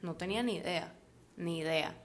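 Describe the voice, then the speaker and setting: Slight background noise surrounds this podcast co-host, a young Maracaibo Venezuelan woman whose voice sits on the low side at a moderate pace. Laughing readily and chatting casually, she sprinkles in plenty of "o sea."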